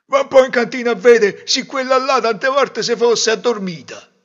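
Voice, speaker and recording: A man's voice: very high-pitched, normal speed, pitched above the performer's own voice. A man voicing the bride's foolish, blustering father. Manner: loud, blustering calls. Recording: dull lo-fi recording.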